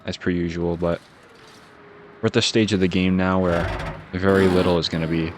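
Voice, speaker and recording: A man with a deep, low voice and a Boston accent talks through a calm gameplay session. He thinks out loud in an easygoing way and laughs lightly at his own slips. A faint hiss sits under the recording. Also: moderate pace. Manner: laid-back, musing aloud, chuckles at himself. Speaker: gaming channel host. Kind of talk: casual relaxed gameplay commentary.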